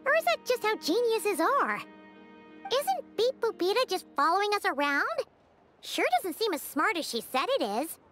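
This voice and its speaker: An actress voicing a tiny, chatty and excitable female companion creature in a video game, with an exclaiming, whiny manner. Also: very high-pitched, moderate pace, faint music behind, full character voice.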